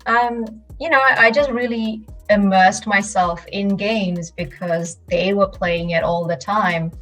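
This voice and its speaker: A woman's voice: medium pitch, measured pace, recorded from a distance, soft background music, low-quality recording. Woman telling stories, a little off-mic. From Malaysia. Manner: lively storyteller, laughs often. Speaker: podcast guest. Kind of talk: casual storytelling interview.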